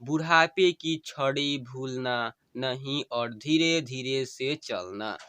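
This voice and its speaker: A man's voice: mid-range voice, slow pace, sharp tone, clean tone, no echo. Man reading as a dying wife, tender pleas. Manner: tender, repeats each plea twice. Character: dying wife pleading with her husband. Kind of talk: emotional story reading.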